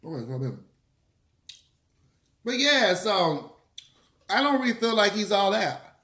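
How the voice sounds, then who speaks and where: A bright, forceful man's voice, pitched a little high, in a roomy echoing space. He chats casually between bites of food, sassy and opinionated, punching his points with slang and swearing. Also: very animated, measured pace. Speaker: vlogger hosting a mukbang. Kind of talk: casual chit-chat to camera while eating. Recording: roomy, echoey room sound.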